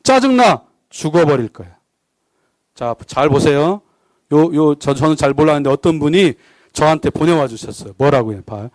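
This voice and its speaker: A guest pastor at a church service delivers his sermon in a lively, jokey way, constantly asking the congregation questions to keep them involved. His voice sits on the high side and moves at a normal speed, with no room sound in the recording.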